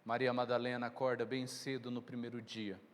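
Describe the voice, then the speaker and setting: A man's voice: mid-range voice, little pitch movement, a little fast. A man preaching a sermon in a church, retelling the story emphatically and addressing the congregation directly. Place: church sanctuary. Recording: long reverb in a church hall.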